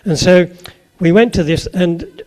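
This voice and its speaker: An older Suffolk man, speaking with a Suffolk English accent and originally from Suffolk, England, preaches an anecdotal sermon to a live audience at a measured pace in a high, dark-toned voice. His style is chatty, with questions for the listeners and jokey asides.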